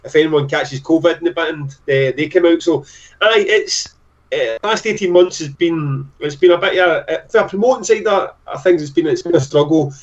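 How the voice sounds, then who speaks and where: A man with a broad, thick Scottish accent from Glasgow, chatting in an excitable way as an interview guest. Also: fairly high pitch, normal speed, recorded from a distance, lo-fi sound. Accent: broad Glaswegian Scottish. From Scotland. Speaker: podcast guest, festival promoter. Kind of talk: casual interview chat.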